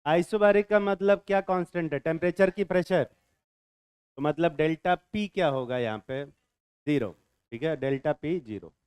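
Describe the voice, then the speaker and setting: A man's voice: on the high side, a little slow, a little mellow, clear, resonant tone, dry recording. A male chemistry teacher, lecturing a class in a bantering way, quizzing students and answering his own questions.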